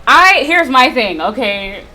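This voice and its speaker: A woman's voice: on the high side, sing-song, slow, sharp tone, low-quality recording. A young adult woman streaming a visual novel, reacting with blunt, profane, slangy exclamations and reading the text aloud.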